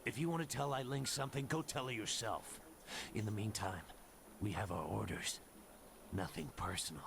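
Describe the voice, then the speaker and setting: An actor playing a menacing gang thug who taunts and threatens in a gravelly voice. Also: male voice, normal speed, background noise. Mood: threatening. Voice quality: gravelly, very deep.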